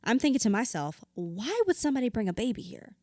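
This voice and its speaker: In an audio drama, an actress plays a hurt, bitter widow confiding in her therapist, guarded yet raw, blunt and sweary. Her voice is fairly high and a little mellow, very animated and fast, captured at studio quality with no echo.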